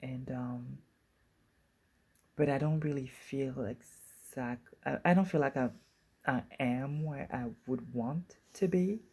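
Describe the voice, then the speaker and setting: A woman in her forties with a slow, husky, somewhat mellow bass voice hosts a solo podcast. She muses casually, often circling back and restarting her thoughts.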